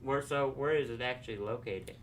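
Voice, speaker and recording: A man's voice: mid-range voice, a little fast, a little hiss or hum. A man hosting a podcast who asks short, simple questions and makes brief remarks. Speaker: podcast host asking questions. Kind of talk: interview questions.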